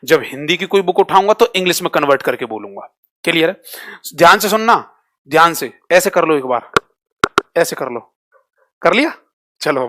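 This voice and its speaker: A man's voice: on the high side, sharp tone. Quizzing male teacher. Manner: drills students with repeated quick questions; switches between Hindi and English terms. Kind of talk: live online class quiz.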